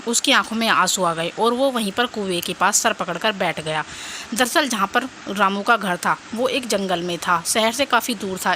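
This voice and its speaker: A woman narrating a cartoon story in a steady storytelling manner. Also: medium pitch, a little hiss or hum.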